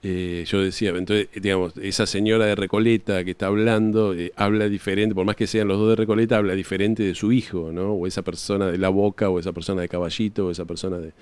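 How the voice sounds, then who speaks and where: A man from Buenos Aires speaks with a porteño accent in a relaxed, teacherly way, sprinkling in tag questions and restarting sentences as he goes. His voice sits on the low side, and the recording is dry and close-miked with no room sound. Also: fast, hardly any pauses, clear, resonant tone, no echo. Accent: Buenos Aires porteño Spanish. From Argentina. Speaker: astrology teacher. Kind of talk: explanatory talk to camera.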